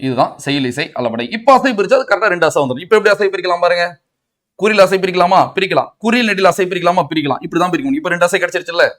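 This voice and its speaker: A man's voice: high-pitched, expressive, rapid-fire, fairly bright tone. A man with a Tamil Nadu accent teaching a grammar class for exam students, asking and answering his own questions. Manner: asks and answers his own questions, mixing in English words. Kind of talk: exam coaching lecture.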